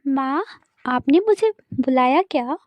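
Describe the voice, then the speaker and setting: A woman voicing a sad, gentle young girl in a cartoon story, talking in a soft, pleading way. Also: high-pitched, lively intonation, a little slow, no room sound, dull audio.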